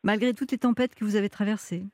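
A woman's voice: mid-range voice, fairly even intonation, fast, a little mellow, no room sound. A woman hosting a radio call-in, encouraging her caller and stammering on restarts. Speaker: radio host.

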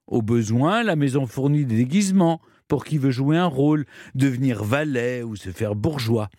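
A man telling a history story in measured, scripted narration with dramatic pauses. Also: mid-range voice, expressive, darkish tone, no room sound, clean studio sound.

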